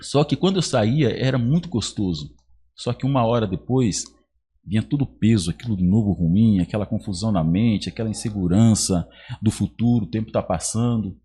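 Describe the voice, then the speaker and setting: A man's voice: lowish voice, a little fast, dark tone, breathy edge. A man in his thirties from Brazil, a podcast guest telling his faith testimony and acting out the dialogue of the people in his story. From Iguape, Brazil. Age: 30s.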